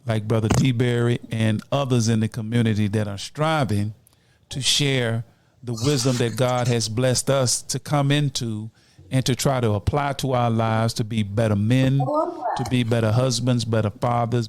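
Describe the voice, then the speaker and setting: A man in his late fifties, nearly sixty, hosts a community podcast, exhorting listeners amid announcements and shout-outs. His mid-range voice is darkish in tone, with slight background noise.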